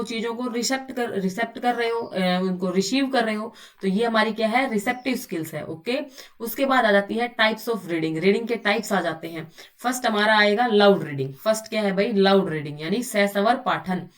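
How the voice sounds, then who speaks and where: A woman's voice: medium pitch, far from the mic. A woman teaching an online exam-prep class. She keeps asking her students rhetorical questions and answers them herself. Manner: often says "bhai" to students. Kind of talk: recorded online lecture.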